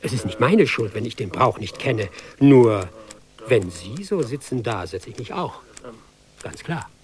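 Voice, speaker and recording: A man's voice: medium pitch, expressive, unhurried, a little mellow, close to an everyday voice. An actor playing a hapless young army recruit, reciting his tale in ironic, sing-song rhyme for a radio play. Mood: sardonic.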